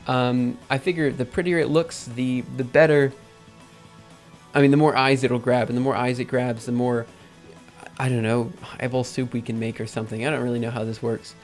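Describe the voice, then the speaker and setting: A man's voice: mid-range voice, steady tone. Guy live coding on stream, talking to himself, lots of ums, faint music behind. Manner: thinking aloud, halting, many ums. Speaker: livestream host.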